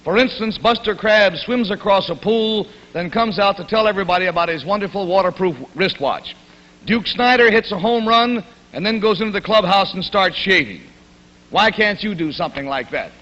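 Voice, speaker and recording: A man's voice: high-pitched, lively intonation, moderate pace, pushed and bright. A man hosting a game show in a folksy, chatty showman manner, heard through an old 1950s TV broadcast. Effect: old 1950s TV broadcast sound. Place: TV studio stage. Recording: dull lo-fi 1950s TV audio, reverberant studio, faint hiss.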